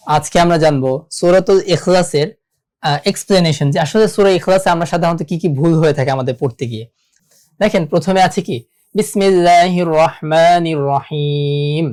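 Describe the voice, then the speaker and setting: A teacher with a Bangladeshi Bengali accent leads an online lesson on reciting the Quran. They go through each rule patiently and pose questions to the class before answering them. When they quote a verse, they slow right down and draw out the sounds. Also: mid-range voice, a little mellow.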